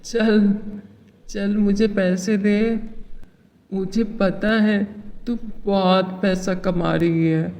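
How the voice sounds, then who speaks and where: A woman's voice: mid-range voice, fairly even intonation, very slow, darkish tone, long reverb tail, voice pushed down. A woman voicing a drunken, abusive grown husband in a cartoon story, drawling his threats. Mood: demanding.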